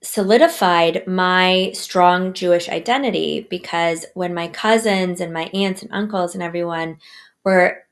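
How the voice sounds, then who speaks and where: A woman author answering interview questions in an earnest, measured way, pausing and restarting her phrases. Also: lowish voice. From United States. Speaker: author guest.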